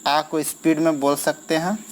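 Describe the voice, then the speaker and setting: A man's voice: fairly high pitch, little pitch movement, moderate pace, a little hiss or hum. A man teaching verse scansion in an exam-prep lesson, counting feet aloud and stretching stressed syllables, with frequent okay fillers.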